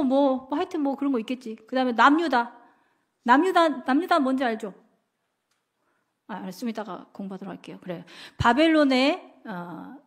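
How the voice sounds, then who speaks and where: A woman evangelist teaching a Bible class in a casual, conversational way, constantly asking her listeners questions. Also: medium pitch. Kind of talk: interactive Bible lesson.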